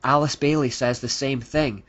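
A man's voice: medium pitch, fairly even intonation, moderate pace, fairly bright tone, highs cut off. A man giving scripted narration in a critical tone, reading out quotes.

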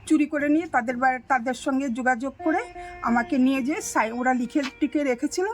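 A woman's voice: sits high, a little fast, faint music behind. An older woman, rambling through an emotional personal account in an interview. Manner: rambling, tearful storytelling.

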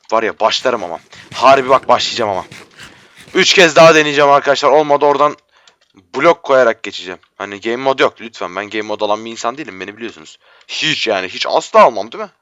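Bright-voiced man shouting over a game. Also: mid-range voice, lively intonation, a little fast, long pauses, no echo. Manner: frustrated, swearing, bursts into shouting. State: voice going hoarse. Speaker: gamer. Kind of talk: live gameplay commentary.

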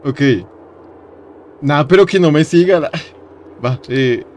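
A young man streaming a horror game, jumpy and loud, yelping in fright, chanting phrases over and over and laughing often. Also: on the high side, slow, slight background noise. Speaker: gaming streamer. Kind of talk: let's-play game commentary.

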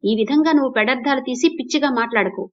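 An exasperated young husband snaps back in a sharp, raised voice, as a woman narrator puts him on. It is a storybook reading, recorded dull and lo-fi. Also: high voice, quick pace, pitched above the performer's own voice, close to an everyday voice. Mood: angry.

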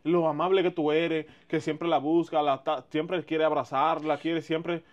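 Doting husband played by a man, highish voice, calms his wife, stumbles on words. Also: a little slow, muffled recording, natural voice. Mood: soothing. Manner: soothing, stammering. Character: doting husband quick to anger at his sister.

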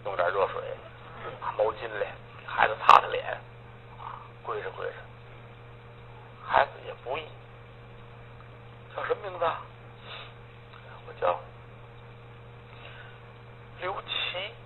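A man telling a traditional story in an animated way, acting out the characters. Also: on the low side, normal speed, creaky, pauses often. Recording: tinny phone-like audio, faint hiss.

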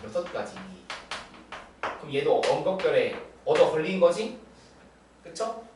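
A young woman with a deep, very animated voice tutors math one-on-one at a measured pace, her pitch swinging up and down. She checks the student's understanding after every step with constant tag questions. She sounds distant from the mic in a very echoey room, with a faint hiss underneath.

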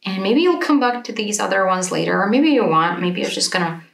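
A woman's voice: mid-range voice, lively intonation, brisk, vocal fry. A woman teaching a drawing workshop, thinking aloud casually with many fillers as she works. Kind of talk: casual live demonstration. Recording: echoey room.

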